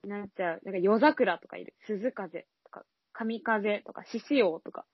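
A woman's voice: mid-range voice, moderate pace, husky, no room sound. A young woman co-hosting a casual chat show, giggling often and stumbling over sounds when she imitates them. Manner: giggly, stammers while mimicking sounds. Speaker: podcast co-host. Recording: dull lo-fi recording.

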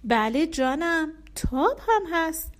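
Casting: a tender storybook mom, read by a woman, soft and reassuring, high voice. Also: very animated. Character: gentle mother soothing her young son.

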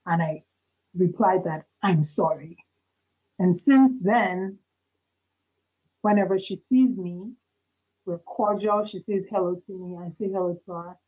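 Husky-voiced woman sharing heartfelt testimony. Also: lowish voice, measured pace, pauses often, warm tone, poor audio. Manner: earnest, heartfelt storytelling with quoted dialogue. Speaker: podcast guest. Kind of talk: personal testimony in conversation.

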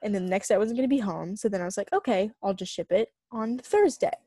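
A young woman co-hosting a podcast, telling a long story in casual chat, full of fillers and animated retellings. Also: medium pitch, fast, no echo. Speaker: podcast co-host.

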